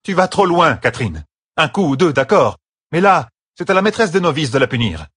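A man's voice: a little high, big pitch swings, unhurried, bright, forceful tone, husky, no room sound, clean studio sound, pitched above the performer's own voice, exaggerated voice. Audiobook: narrator voicing a firm country-accented woman, plain-spoken, raised and firm. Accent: rustic country accent.

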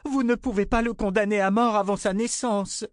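A man voicing a desperate pregnant woman who pleads in a high, raised voice. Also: fairly even intonation, normal speed, no room sound, studio quality, natural voice. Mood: pleading.

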